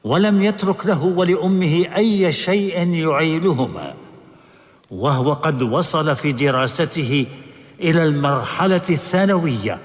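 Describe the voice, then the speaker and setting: A declaiming prosecutor on old radio. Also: male voice, fairly high pitch. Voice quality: formal, declamatory. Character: earnest male court prosecutor who tells the story. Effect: old radio drama broadcast. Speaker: prosecutor and narrator. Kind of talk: 1970s radio acting. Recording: old radio broadcast with long reverb.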